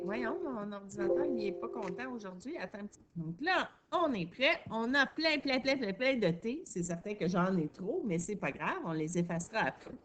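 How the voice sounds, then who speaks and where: A woman teacher, guiding young children through a phonics lesson with clear questions and praise. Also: medium pitch, slight background noise.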